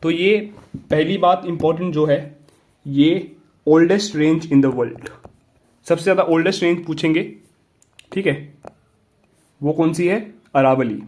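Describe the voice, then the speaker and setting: A man's voice: fairly high pitch, a little mellow. A young man teaching an exam prep lesson in a casual explaining style, often asking whether students have understood and switching between Hindi and English. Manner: repetitive checking questions, mixing Hindi and English.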